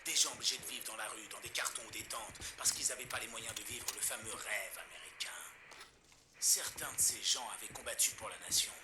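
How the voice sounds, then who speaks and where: A man's voice: fairly low pitch, a little fast, music in the background. An actor playing an angry anti-government male host ranting over a pirate radio broadcast in a video game, half-whispering at times. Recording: echoey game radio with background noise.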